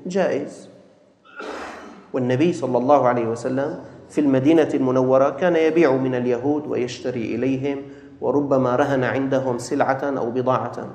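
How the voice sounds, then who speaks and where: A man delivers a sermon in a slightly raised voice, turning to his listeners as brothers and mimicking quick blunt replies. The recording carries heavy room echo with a long reverb tail, like a large hall. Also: a little high, a little mellow. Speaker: preacher.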